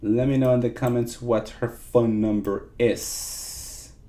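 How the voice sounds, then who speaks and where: A man's voice: medium pitch, steady tone, slow, dark tone. A man teaching a live interactive online lesson, repeating points and often checking in with his listeners. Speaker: teacher of call-centre English.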